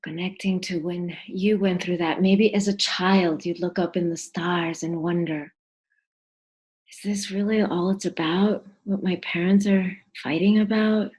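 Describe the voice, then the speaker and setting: A woman guides a meditation in a soft, breathy, husky voice that sits lowish and holds a steady tone. She speaks gently and deliberately, leaving pauses between phrases.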